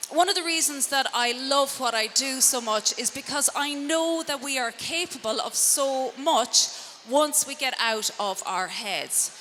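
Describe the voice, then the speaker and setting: Speaking in a sharp, high voice, this coach from Connemara in Galway, a middle-aged woman with a west of Ireland accent, delivers a conversational motivational talk before a live audience indoors. She leans on rhetorical questions and wry remarks about herself, and the reverberant hall carries clear background noise.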